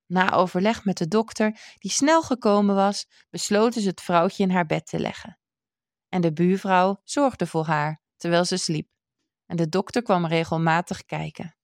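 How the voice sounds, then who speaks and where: A woman reading a children's storybook aloud in an expressive, measured way. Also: fairly low pitch, no echo, clean studio sound.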